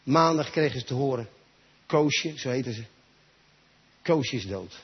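A man's voice: medium pitch, expressive, unhurried, slightly rough. A man preaching a sermon in a church gathering, talking emphatically and straight to his listeners. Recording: dull lo-fi recording.

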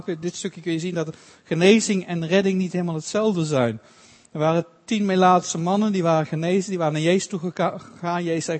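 Earnest high-voiced preacher in a reverberant hall. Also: male voice, darkish tone. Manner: earnest, halting with restarts, slows for quoted scripture. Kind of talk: sermon.

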